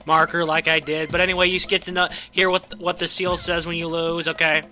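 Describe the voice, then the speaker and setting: Male let's play host, high-pitched, halting and repetitive, casual commentary over game music. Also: little pitch movement, pushed and bright. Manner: halting, repeats words and phrases. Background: video game music.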